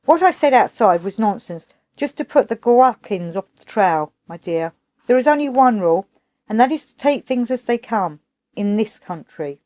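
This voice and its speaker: A woman voicing a mysterious old woman guide who talks in a hushed, sing-song, cryptic way. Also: on the high side, animated, normal speed, no echo, close to an everyday voice. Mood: confiding.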